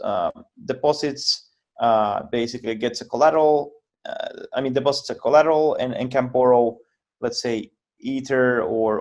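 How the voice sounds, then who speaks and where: A man from Finland, a guest founder giving explanatory interview answers over a video call, halting and often repeating and restarting words. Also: medium pitch, darkish tone.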